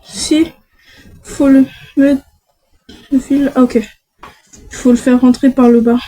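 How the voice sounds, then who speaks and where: A young woman with a high, mellow voice speaks slowly with little pitch movement, recorded in poor audio. An unboxing vlogger, she chats casually to viewers while opening mystery boxes, talking to herself and often restarting her sentences.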